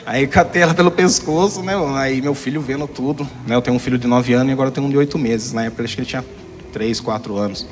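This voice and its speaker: A man's voice: mid-range voice, quick pace. A young man telling his own testimony frankly, rambling, with frequent tag questions. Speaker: guest giving a testimony. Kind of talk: candid personal testimony. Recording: hall reverb.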